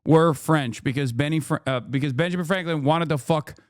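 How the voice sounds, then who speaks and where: A man's voice: on the high side, a little fast, dry recording, clean studio sound. A man doing heated live-stream commentary, blunt and profane as he argues with his chat. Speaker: streamer reacting to clips.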